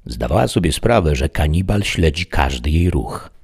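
A male storyteller reads a dramatic tale in a very deep, husky voice. His delivery is expressive and tense, and his pitch moves a lot. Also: normal speed. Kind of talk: dramatic audiobook narration.

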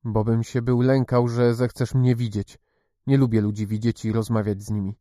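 A man reading the lines of a sickly, fretful young boy in a hushed, wary way. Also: mid-range voice, level tone, moderate pace, no echo, studio quality, lightly acted. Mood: sullen. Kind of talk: audiobook character reading.

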